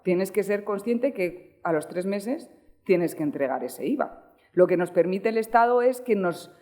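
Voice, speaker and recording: A woman's voice: mid-range voice, darkish tone. Woman lecturer, easygoing talk style that keeps checking the room. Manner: conversational, frequent checking "¿vale?". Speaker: guest lecturer. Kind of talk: lecture with audience Q&A.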